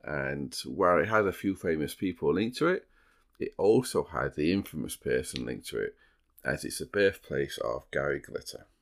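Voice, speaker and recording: A man's voice: a bass voice, expressive, moderate pace, gravelly. A man hosting a true crime podcast, moving between casual banter and storytelling, with a dry, teasing humour. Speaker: podcast host.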